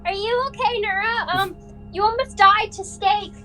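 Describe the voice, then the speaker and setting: A woman playing a tabletop game, excitable and teasing, throwing out loud quips. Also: very high-pitched, normal speed, faint music behind. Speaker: player. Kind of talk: casual tabletop role-play.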